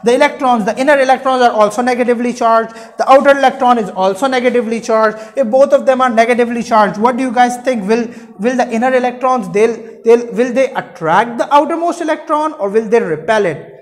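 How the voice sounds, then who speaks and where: A man's voice: very high voice, brisk. A man, lecturing as a teacher and often asking questions and checking understanding. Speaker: chemistry teacher. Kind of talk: explanatory classroom lecture. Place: indoor room at a whiteboard.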